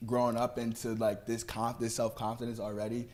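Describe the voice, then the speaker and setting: A man's voice: mid-range voice, flat delivery, brisk, a little mellow. A man co-hosting a podcast as a coach, talking in an earnest, encouraging way with plenty of fillers. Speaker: podcast co-host, coach and former football player. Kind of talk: casual chat.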